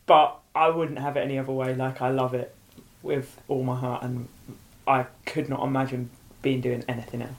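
A woman's voice: very deep voice, flat delivery, normal speed. A woman comedian speaking as a guest in a casual podcast interview.

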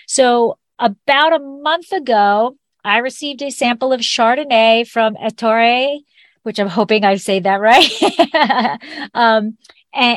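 A woman's voice: a little high, no echo. A woman hosting a podcast, chatting in an upbeat, casual way with fillers and restarts. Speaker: podcast host. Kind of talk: casual interview chat.

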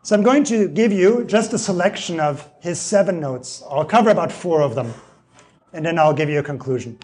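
A man giving an evening theology lecture while losing his voice, often clearing his throat and restating his phrases. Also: a little high, brisk, a little mellow. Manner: explains by restating phrases and asking "see?".

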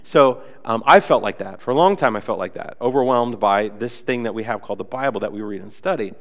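Slightly fast and pitched on the low side, a young pastor's voice carries a long reverb tail through the church sanctuary. Nasal from a cold, he preaches a laid-back, conversational sermon loaded with chatty fillers.

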